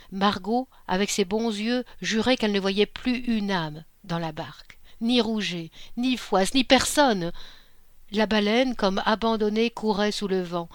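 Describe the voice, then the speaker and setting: A woman reading a classic short story aloud in a measured, expressive narration. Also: medium pitch, no room sound. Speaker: audiobook reader.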